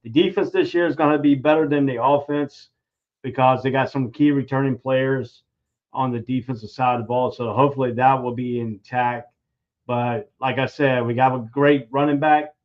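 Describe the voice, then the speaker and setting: A man's voice: mid-range voice, steady tone, normal speed. A man talking through his take as a guest commentator, loose and full of restarts. His voice sits in the middle of the range. The audio is muffled and lo-fi. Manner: loose, repeats and restarts phrases. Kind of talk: casual sports analysis. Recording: dull lo-fi audio.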